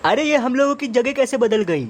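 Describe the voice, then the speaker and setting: Man doing a loud swaggering local tough. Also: very high-pitched, lively intonation, a little fast, a little hiss or hum. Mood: confrontational. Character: swaggering neighborhood tough guy. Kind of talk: comedy sketch acting.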